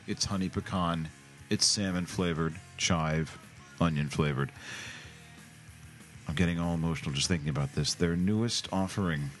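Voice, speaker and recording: A man hosts a comedic podcast rant, sarcastic and theatrical, putting on mock emotion. His voice sits on the lower side. Faint music plays underneath. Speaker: podcast host.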